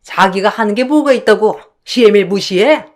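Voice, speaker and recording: A woman's voice: a little high, a little slow, close to an everyday voice. A woman voicing an older mother-in-law who scolds and rants, in a radio drama. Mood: ranting. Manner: scolding, shouting, self-pitying sighs.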